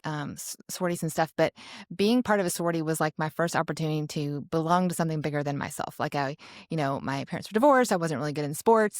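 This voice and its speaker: A woman's voice: lowish voice, no room sound, studio quality. A young adult woman co-hosting a podcast, telling a personal story in a chatty, casual way full of "like" and restarts. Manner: chatty, frequent "like" and self-corrections; animated when quoting herself. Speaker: podcast co-host.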